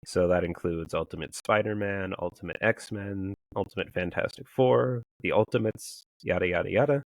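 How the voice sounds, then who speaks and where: A man with a cold-roughened, hoarse voice co-hosting a casual comics podcast, calm and measured. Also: sits low, no echo. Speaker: podcast co-host.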